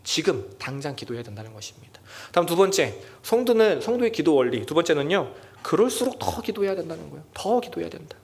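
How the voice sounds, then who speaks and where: Lively young Korean junior pastor preaching. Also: male voice, on the high side, quick pace, vocal fry, few pauses. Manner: animated preaching, acts out quoted lines in loud raised voices. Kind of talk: sermon. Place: church.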